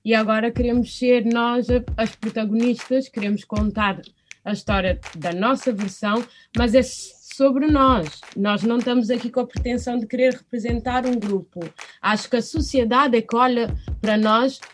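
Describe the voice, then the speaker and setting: A woman's voice: fairly high pitch, steady tone, moderate pace, slight background noise. A woman from Cape Verde, raised in Portugal, speaks earnestly as an actress in a news interview.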